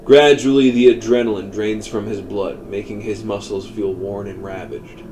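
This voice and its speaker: A man narrating a scripted horror story in a measured way, often dropping to a hushed tone. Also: lowish voice, fairly even intonation, a little hiss or hum, rough recording.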